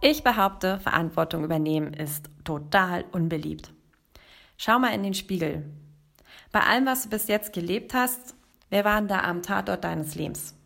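A woman's voice: on the low side, moderate pace, gravelly, fairly bright tone. A woman hosting a motivational podcast as a life coach, speaking emphatically and addressing the listener directly. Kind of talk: motivational podcast monologue with storytelling.

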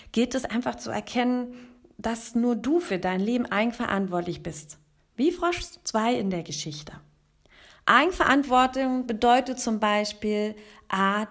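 A woman hosting a motivational podcast as a life coach, speaking emphatically and addressing the listener directly. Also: fairly high pitch. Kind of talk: motivational podcast monologue with storytelling.

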